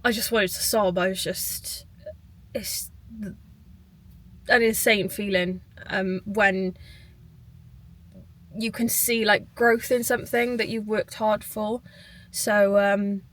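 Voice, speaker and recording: A woman's voice: mid-range voice, fairly even intonation, takes it slowly, pauses often. A British woman chatting casually as a vlogger, sounding tired and rambling a little. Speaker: running vlogger. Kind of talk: casual chat to camera.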